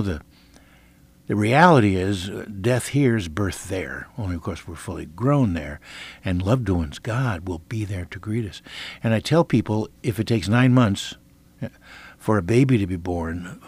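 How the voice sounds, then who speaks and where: On a radio teaching program, an American preacher speaks conversationally, reading scripture and emphatically repeating key phrases. His voice is husky, on the low side, with a darkish tone.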